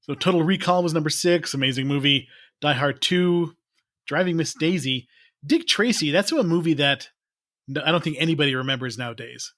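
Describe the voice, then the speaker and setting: Laughing, rambling podcast host. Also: male voice, on the high side, fairly quick, fairly bright tone, no echo, clean studio sound. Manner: rambling, laughs often, many restarts. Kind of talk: casual chat.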